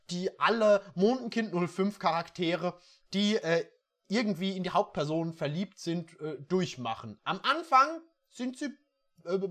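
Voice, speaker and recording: Sarcastic reader of bad fan fiction. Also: mid-range voice. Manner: sarcastic, deadpan asides. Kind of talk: comedic dramatic reading with asides.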